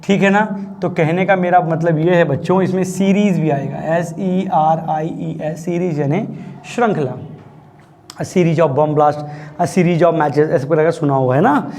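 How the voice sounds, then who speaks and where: A man's voice: a little high, fairly even intonation, a little slow, a little mellow. A man teaching English grammar in a chatty classroom style, often checking that students understood. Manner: chatty, repeatedly asks students if they understood. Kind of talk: classroom lesson, explaining.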